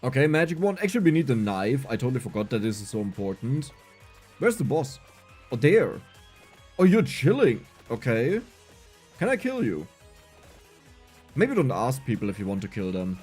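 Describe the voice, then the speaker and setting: A man's voice: mid-range voice, sing-song, moderate pace, pauses often, a little mellow, breathy edge, faint music behind. A young adult man with a German accent, streaming a game, reading chat aloud and answering it with self-mocking humor. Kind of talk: casual livestream gameplay chat.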